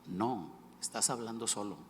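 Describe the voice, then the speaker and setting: A preacher giving a gentle divine voice. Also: male voice, normal speed, noisy background, close to an everyday voice. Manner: soft, calm and low. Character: gentle, patient inner divine voice, male. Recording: echoey hall with faint ambience.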